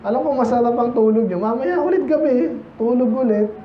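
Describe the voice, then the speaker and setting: High-voiced Filipino preacher in an echoey church. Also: male voice, a little fast, a little hiss or hum. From Philippines. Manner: conversational, teasing, many rhetorical questions to the congregation. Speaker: pastor. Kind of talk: sermon. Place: church sanctuary. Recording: echoey, muffled church recording.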